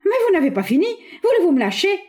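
A woman voicing a flustered young man who shouts and pleads in a high, strained voice. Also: sing-song, quick pace. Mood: indignant shouting. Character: flustered young male suitor caught out.

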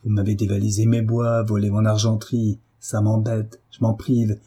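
A man's voice: on the low side, completely flat delivery, moderate pace, dark tone, husky. A man reading a novel aloud and voicing a drunken, hulking husband who bullies and threatens his wife. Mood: bullying. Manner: bullying, blustering threats. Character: brutish drunken giant of a husband, furious.

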